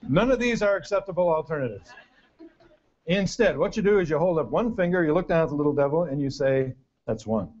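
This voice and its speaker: A man's voice: a little high, fast talker, a little mellow. An older man giving a humorous parenting lecture to an audience, with a dry storytelling delivery and punchy lists. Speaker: parenting workshop speaker. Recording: dull lo-fi recording of a talk.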